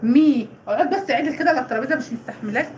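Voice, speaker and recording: A woman's voice: high-pitched, very fast, background noise. A woman with an Egyptian accent tutoring her child at home on a casual live stream, sounding out letters with exaggerated, emphatic pronunciation. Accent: Egyptian Arabic. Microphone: phone livestream.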